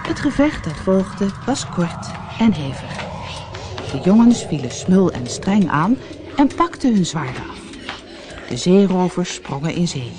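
An expressive reader narrating a children's storybook, with faint background ambience. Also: medium pitch, background noise. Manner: expressive, animated.

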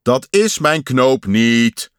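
A fussy little male creature from a storybook, complaining about his lost button, as a man puts him on. He stretches out his words slowly and his pitch swings about a lot. The sound is dry and close. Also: big pitch swings, dry recording. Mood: upset. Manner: complaining, slow insistent emphasis. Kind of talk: storybook voice acting.

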